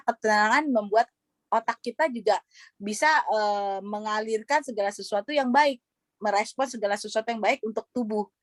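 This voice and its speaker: A woman's voice: medium pitch, no room sound. Earnest woman doctor on a video call. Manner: earnest, retells dialogue, frequent fillers. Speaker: doctor and panelist. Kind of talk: testimony on an online panel.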